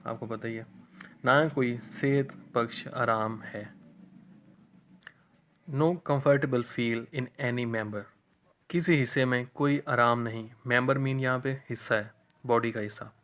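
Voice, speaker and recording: A male English teacher with a Pakistani accent explains a poem to a class, reading each English line slowly and then explaining it in Urdu. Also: medium pitch, fairly bright tone.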